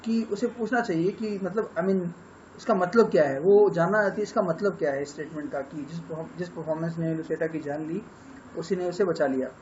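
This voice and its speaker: Indian man lecturing, high-pitched voice. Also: brisk, a little mellow, highs cut off, a little hiss or hum. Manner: explanatory, mixes Hindi and English, frequent fillers. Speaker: English literature teacher. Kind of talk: lecture summarizing a novel.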